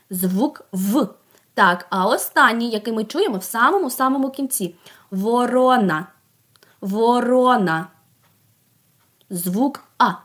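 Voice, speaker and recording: A woman teaching a group of young children, asking coaxing questions, praising them and sounding out words slowly. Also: mid-range voice, fairly bright tone. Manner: slow, drawn-out sounding out of words. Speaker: preschool teacher.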